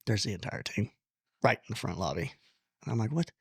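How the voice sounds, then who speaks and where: A man telling a long personal story in casual conversation, animated, blunt and self-deprecating, with the odd curse word. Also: lowish voice, fairly quick, vocal fry, breathy edge, dry recording, clean studio sound. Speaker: podcast guest.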